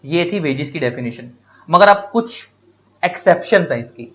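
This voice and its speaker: A man's voice: on the high side, lively intonation, moderate pace. A man teaching law, explaining terms through everyday examples and often repeating the main point. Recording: dull lo-fi audio.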